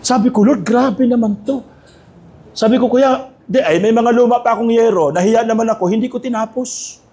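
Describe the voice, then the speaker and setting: A man with a notably high voice preaches from the pulpit, moving between personal stories and rousing declarations. He keeps drawing the congregation in with call-and-response prompts, his voice lifting high as he drives a point home. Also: brisk. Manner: animated, calls out to the congregation for responses. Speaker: pastor. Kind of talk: sermon with storytelling.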